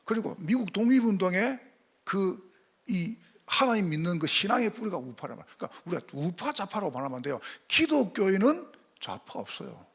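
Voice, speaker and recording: A man's voice: high-pitched, lively intonation, fast, breathy edge. A man preaching a sermon as pastor, firing rhetorical questions at his congregation.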